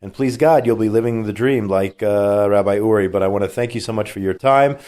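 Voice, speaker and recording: A man with a cold runs a talk radio show, mixing easygoing chatter with news reading and plenty of fillers, restarts, and opinions. He speaks briskly in a lowish, mellow voice.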